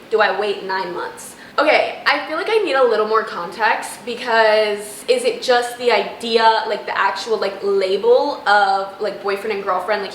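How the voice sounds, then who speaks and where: A woman's voice: mid-range voice, a bit bright. A young woman talking casually in a vlog, giving informal girl-talk advice with lots of "like". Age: young adult. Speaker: vlogger. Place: indoors at home, downstairs near a running oven. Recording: roomy echo, faint background noise.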